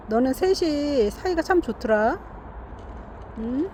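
A middle-aged woman outdoors, talking to stray cats in a coaxing, teasing baby-talk way with soft laughs. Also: sits high, animated, drawn-out words, slight background noise. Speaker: cat feeder vlogger. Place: outdoors among grass.

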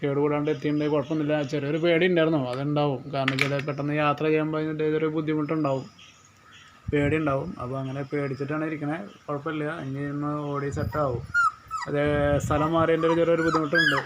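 Male new pet owner, quick and reassuring, slightly high voice. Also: level tone, background noise. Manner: reassuring, explains as he goes. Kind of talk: casual unboxing commentary.

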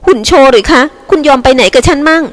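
Woman putting on a shrill jealous young wife. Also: fast talker, close to an everyday voice. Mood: accusing. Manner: shrill, whining, accusing. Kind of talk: audiobook character reading. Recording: long hall reverb.

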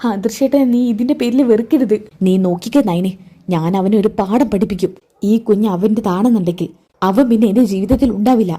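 A woman's voice: a little fast, warm tone, natural voice. Woman doing a panicked betrayed young wife. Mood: distressed. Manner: high, alarmed exclamations.

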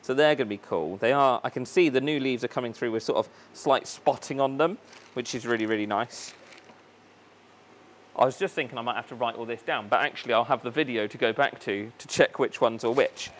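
A man chats his way through an unboxing inside a shop, eager and thinking out loud, often stumbling over tricky names. His voice sits in a plain middle pitch. A faint hum of shop ambience runs underneath. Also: a little fast. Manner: chatty, enthusiastic, thinks aloud, stumbles over plant names. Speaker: fish shop owner and video host. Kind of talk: casual unboxing vlog.

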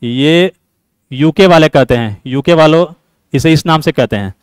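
A man's voice: a little high, measured pace, clean tone, no room sound. Male teacher quizzing a class. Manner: explanatory, repeats key points, quizzes students. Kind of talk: classroom lecture mixing Hindi and English.

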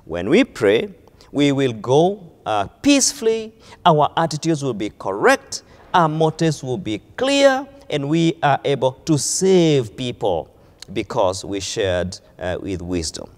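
A man's voice: mid-range voice, very animated, slow, in a large hall. A man with a Kenyan accent preaching a sermon in a church, stressing key phrases by repeating them. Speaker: pastor.

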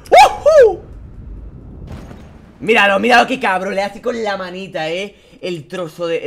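A young man with a Spain Spanish accent, commentating a horror game with a fairly high voice that swings widely in pitch. He yelps and curses at the scares and mutters quietly to himself between them. Keyboard typing clicks away behind him. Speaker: gaming YouTuber.

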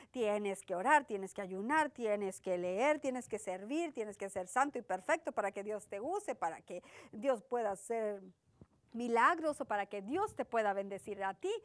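A woman's voice: fairly high pitch, no room sound. A woman with a Mexican accent giving a conversational sermon, repeating her phrases and often asking "¿verdad?". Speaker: preacher.

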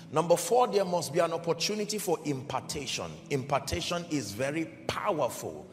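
A man preaching a sermon in an emphatic, deliberate way, calling out to his audience. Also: on the high side. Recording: reverberant hall with faint background music.

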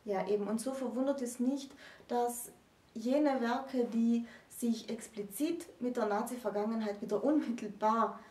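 A woman in her thirties co-hosts a to-camera discussion, presenting and explaining books in an indoor room lined with bookshelves. Her voice is a little high and dark-toned, her pace measured, and the distant microphone picks up a roomy echo.

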